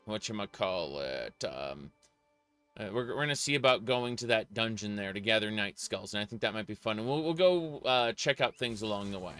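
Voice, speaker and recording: Bright, crisp male game streamer, rambling casually. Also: medium pitch, no echo. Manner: rambling, opinionated, often repeating phrases for emphasis. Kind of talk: casual live gameplay commentary. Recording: dry close voice over faint music. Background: faint game music.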